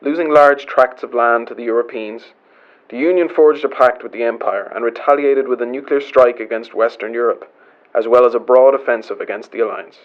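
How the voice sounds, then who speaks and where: A man playing an earnest wartime newsreel announcer, formal and measured, scripted in an old newsreel style through a vintage radio filter. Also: mid-range voice. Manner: formal, measured news delivery. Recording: dull, band-limited old radio sound.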